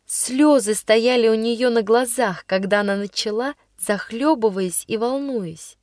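A woman narrating a first-person story in a measured storytelling way. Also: fairly high pitch, a little mellow, no room sound, studio quality. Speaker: audiobook reader.

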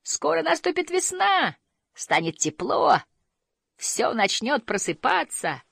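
A woman voicing a young male moomintroll, fretful and bursting into glad shouts, in a storybook reading. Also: rumbling low, flat delivery, normal speed, dry recording, clean studio sound, pitched below the performer's own voice. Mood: overjoyed.

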